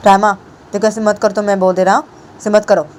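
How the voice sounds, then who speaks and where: A woman's voice: medium pitch, level tone, quick pace, a little mellow, a little hiss or hum, natural voice. A woman voicing a young man, a cousin who keeps repeating himself insistently in a homemade story. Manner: repetitive, insistent. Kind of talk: amateur storytelling voice acting.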